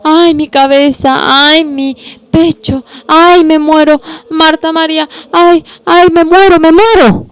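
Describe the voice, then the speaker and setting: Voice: high voice, fairly even intonation, slow, no echo, voice pushed up. A preacher acting out a sick, dying man who moans and cries out in pain. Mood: moaning. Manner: groaning, repeated cries.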